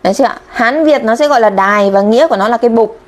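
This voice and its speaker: A fairly high-voiced woman from Vietnam leads a live-streamed Japanese kanji lesson. She talks in a chatty, friendly way and keeps checking in with her viewers. She sounds like a teacher speaking straight to her online class. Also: rapid-fire.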